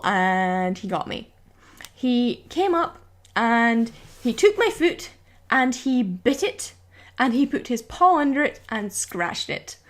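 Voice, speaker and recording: A young woman chatting casually as a vlogger, telling a story and acting out quotes. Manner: animated, acts out quotes with sudden high squeals.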